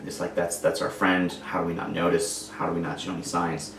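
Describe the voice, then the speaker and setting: Young man, very low and flat, gravelly, hesitant, echoey room, distant mic. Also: noisy background. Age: 20s. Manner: halting, searching for words. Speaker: podcast guest. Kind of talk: personal storytelling.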